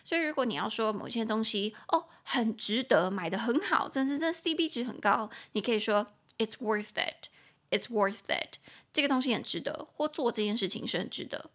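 A young woman hosting a chatty podcast English lesson, explaining words slowly and repeating them. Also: a little high, expressive, fairly bright tone. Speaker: podcast host, English teacher.

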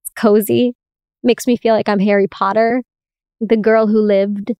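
A woman's voice: medium pitch, level tone, measured pace, warm tone, clear, resonant tone, no echo, studio quality. A woman podcast host chatting casually and giggling, recording from inside a clothes closet. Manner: chatty and giggly, with frequent "like" fillers. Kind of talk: casual solo chat. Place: inside a clothes closet under a towel shelf.

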